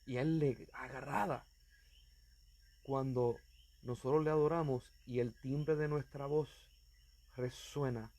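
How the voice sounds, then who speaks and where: A man's voice: medium pitch, fairly even intonation, takes it slowly, pauses often, mellow. Earnest man preaching a sermon. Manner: earnest, fervent, addresses listener directly. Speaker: evangelist preacher.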